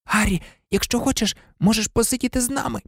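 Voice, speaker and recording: A man's voice: very high-pitched, fast, creaky, husky, no echo, clean studio sound, voice pushed up, full character voice. A man voicing an eager, star-struck young schoolboy in an audiobook who keeps pestering an older boy. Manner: excited, pestering.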